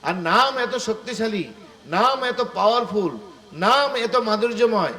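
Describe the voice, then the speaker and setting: A male preacher giving an animated devotional sermon, asking the gathering rhetorical questions. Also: high voice, a little slow. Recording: echoey room with faint ambience.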